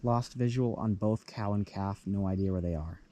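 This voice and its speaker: A man's voice: lowish voice, moderate pace. A man giving casual vlog commentary, recorded outdoors in the backcountry. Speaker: outdoor vlogger. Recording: noisy outdoor field recording.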